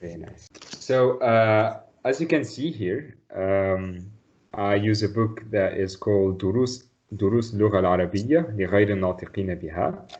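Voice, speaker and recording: Talking fast in a lowish, slightly mellow voice, a Tunisian man gives a one-on-one online Arabic lesson. He is patient and encouraging and repeats his praise often. The video call audio sounds dull.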